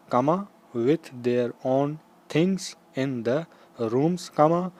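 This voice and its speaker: A man reads out a school dictation very slowly and deliberately. He breaks the text into short, measured chunks with pauses between them, at a middling pitch. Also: darkish tone. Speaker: dictation reader. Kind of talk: slow school dictation, read aloud with punctuation marks spoken.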